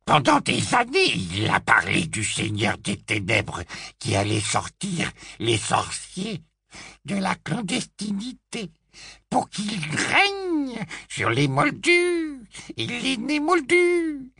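A man voicing a wretched old male house-elf servant who croaks, stammers and wails in a high, slow voice. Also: wildly swooping pitch, bright, forceful tone, no room sound, studio quality, heavily acted. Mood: bitter. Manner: wailing, high-pitched and slow.

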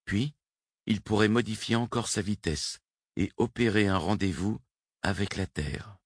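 A man reading a devout, calmly certain cosmonaut. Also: lowish voice, measured pace, husky, no room sound, clean studio sound. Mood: earnest.

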